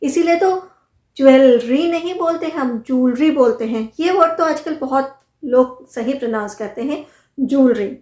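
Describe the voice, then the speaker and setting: A woman teaching English pronunciation in a casual video lesson, chatting with the viewer, asking questions and repeating words slowly. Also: high voice, expressive, roomy sound.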